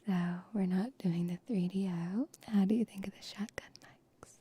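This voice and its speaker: A young woman ASMR streamer whispers softly and slowly into shotgun microphones close to her mouth, her voice mostly unvoiced. She teases her viewers affectionately with pet-play talk. Her pitch is mid-range, her tone steady and breathy.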